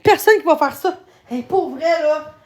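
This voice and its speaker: Québécois woman livestreamer, high voice, profane, repetitive rant with sudden yelling. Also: expressive, unhurried. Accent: Québécois French. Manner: swears constantly, rants and repeats herself; bursts into shouting. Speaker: livestreamer answering her chat. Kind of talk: live-stream rant.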